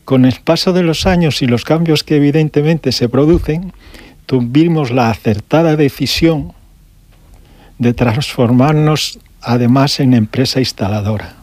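Older man from Galicia, guest on radio, dry close mic, unhurried storyteller. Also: medium pitch, a little mellow, dry recording. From Galicia, Spain. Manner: unhurried storytelling with pauses and restarts. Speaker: guest, electronics shop owner. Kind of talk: radio interview. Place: radio studio.

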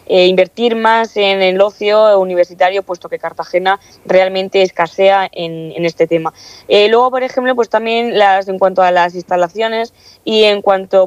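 The audio is dry, dull, and lo-fi, without any echo. A young woman with a mid-range voice, a student council member from Castilla-La Mancha, Spain, answers interview questions in a chatty style, often using fillers and restarting.

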